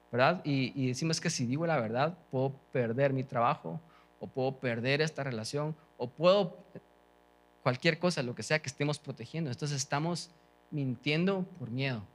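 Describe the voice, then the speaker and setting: A man's voice: mid-range voice, a bit bright. A young man preaching a sermon, talking to the congregation conversationally with frequent check-ins and restarts. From Guatemala.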